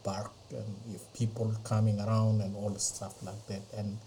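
A middle-aged man from Ethiopia, not a native English speaker, slowly recounting his life in a podcast interview with many pauses and fillers. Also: on the low side, completely flat delivery, dark tone, slight background noise, poor audio. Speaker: interview guest. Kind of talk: slow personal testimony. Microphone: podcast interview mic.

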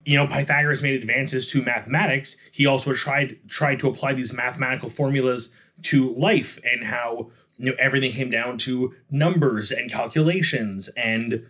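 A man co-hosting a podcast in casual chat, relaxed and making joking asides. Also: mid-range voice, moderate pace. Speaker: podcast co-host.

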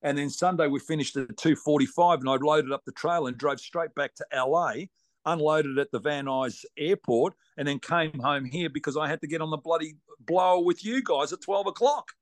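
A man's voice: fairly high pitch, normal speed, no echo. Blunt Australian man, dry close sound. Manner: blunt, joking, slangy. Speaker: racing driver, podcast guest. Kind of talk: casual interview chat.

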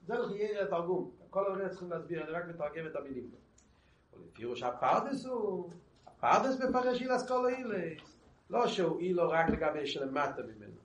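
A man's voice: high-pitched, distant mic. Man teaching text in an echoey room. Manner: halting, repeats words and restarts, asks and answers rhetorical questions. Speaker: Torah teacher.

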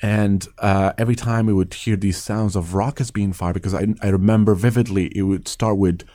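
A man in his late thirties from Afghanistan, recalling his childhood as an interview guest, measured and full of hesitations. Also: fairly low pitch, fairly even intonation, dark tone. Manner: measured, many hesitations and restarts. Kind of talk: reflective interview storytelling.

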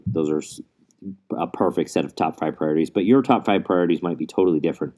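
A man's voice: deep voice, dark tone. A male podcast host talking in an earnest, rambling way, recorded under a blanket in a closet so his voice is muffled. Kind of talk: casual solo podcast monologue.

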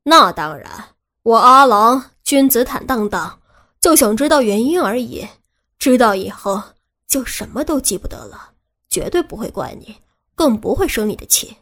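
A woman voicing a cocky, cunning young man in a serialized audiobook, speaking loudly with swagger. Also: on the high side, lively intonation, normal speed. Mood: boastful. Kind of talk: audiobook character reading.

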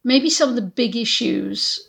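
A woman's voice: fairly high pitch, unhurried, creaky, fairly bright tone, husky. A woman hosting a podcast, introducing recorded clips in a reflective, conversational way. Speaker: podcast host.

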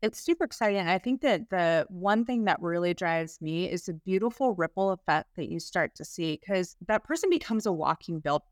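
A woman's voice: lowish voice, lively intonation, normal speed, few pauses, no echo, studio quality. A woman health practitioner, a guest on a podcast interview, telling stories about her clients with enthusiasm.

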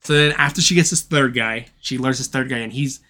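A man's voice: medium pitch, brisk, pushed and bright. A man co-hosting a casual podcast, giving a loose, profane recap of a film's plot. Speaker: podcast co-host. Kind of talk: casual chat.

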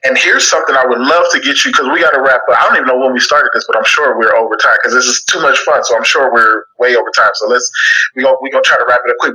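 Male host, bright tone, casual and joking, talks fast. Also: mid-range voice, rough recording. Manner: quick, joking, conversational. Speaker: podcast host. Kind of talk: casual chat.

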